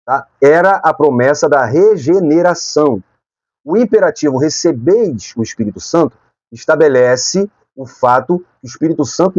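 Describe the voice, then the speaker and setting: A man's voice: a little high, darkish tone, no room sound, highs cut off. A man with a Brazilian Portuguese accent teaching a Sunday school Bible lesson, explaining point by point and often checking in with his listeners.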